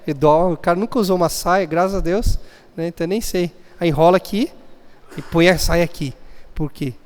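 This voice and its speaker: A man with a high, smooth, resonant voice preaches in a church, telling stories and acting out the people in them. His voice rings with a long hall reverb. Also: fairly quick, a little mellow. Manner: storytelling, acting out family scenes. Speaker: pastor. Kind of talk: sermon.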